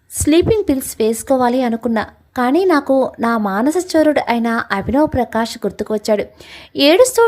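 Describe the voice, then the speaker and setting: A young woman with a high voice narrates a love story in the first person. Her reading is emotional and dramatic. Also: a little mellow, low-quality recording.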